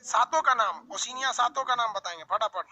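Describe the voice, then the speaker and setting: Bright, high-voiced male teacher drilling a class. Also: brisk. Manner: drilling students with repeated call-and-response lists; colloquial, teasing asides. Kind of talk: online class lecture. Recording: dull lo-fi online class audio.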